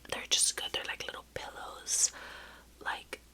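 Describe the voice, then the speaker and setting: A woman's voice: unhurried, low-quality recording. A middle-aged woman whispering a rambling, hesitant ASMR story close to the mic while chewing gum. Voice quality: soft unvoiced whisper. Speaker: ASMR vlogger.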